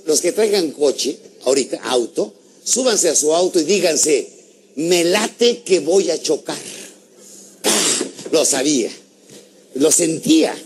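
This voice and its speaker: A man giving a lively motivational talk, asking his audience questions and acting out little stories. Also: fairly high pitch, a little hiss or hum. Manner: animated, asks the audience questions, acts out stories. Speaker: motivational speaker.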